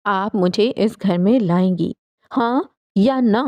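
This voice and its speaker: A woman voicing an enraged young woman who shouts and bites out her words at her mother. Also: medium pitch, no room sound, muffled recording, lightly acted. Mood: furious. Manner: shouting, then cold and biting.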